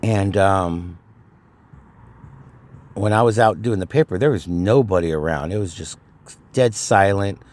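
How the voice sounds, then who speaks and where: Middle-aged man from California, slightly low voice; loose, rambling storyteller who restarts his sentences. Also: measured pace, long pauses, darkish tone. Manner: rambling, frequent fillers and restarts, laughs at himself. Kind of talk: casual personal storytelling.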